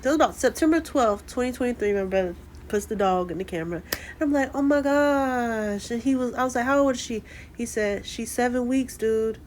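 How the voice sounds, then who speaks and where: A woman's voice: on the high side, fast, a little hiss or hum. Chatty woman telling a personal story. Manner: animated, acts out quoted dialogue; chatty with frequent fillers and restarts. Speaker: vlogger.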